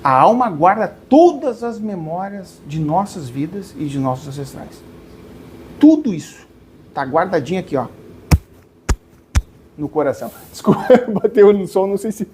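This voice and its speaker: Animated man lecturing a crowd. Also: sits high, moderate pace, a little hiss or hum. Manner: animated, questions the audience, calls them dear ones. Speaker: spiritual lecturer. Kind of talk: live lecture to an audience.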